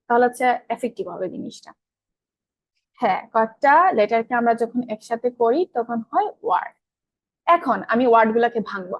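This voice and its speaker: Female online grammar teacher, young, rapid-fire delivery, quizzing her class, dry close mic. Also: on the high side, no echo. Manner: asks the class questions and answers them herself; colloquial, mixes in English terms.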